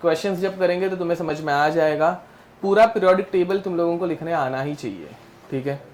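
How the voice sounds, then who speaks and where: Male chem teacher, high voice, drills students with mnemonics. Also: fairly quick, darkish tone. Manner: drills mnemonics, scolds students, Hindi mixed with English terms. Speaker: chemistry teacher. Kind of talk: classroom lecture.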